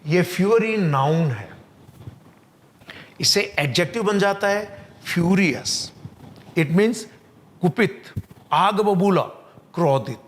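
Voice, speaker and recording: A man's voice: sits high, lively intonation. Male vocabulary teacher. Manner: explains in Hindi, reads English example sentences slowly and carefully. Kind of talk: vocabulary lesson.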